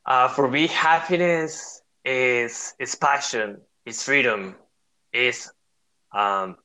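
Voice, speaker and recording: A man's voice: medium pitch, slow pace, pushed and bright. Earnest man. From Costa Rica. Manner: earnest, searching, many fillers and restarts. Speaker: guest. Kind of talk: interview conversation.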